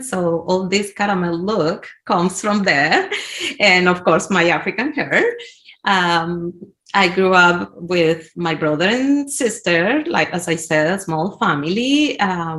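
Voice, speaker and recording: A middle-aged woman from Colombia with a Colombian Spanish accent, a native Spanish speaker, speaking in a casual video-call interview from her home, laughing often and gesturing as she talks. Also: on the low side. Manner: warm, laughs often, uses expressive hand gestures. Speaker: guest. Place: home room with brick wall and plants. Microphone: video call webcam.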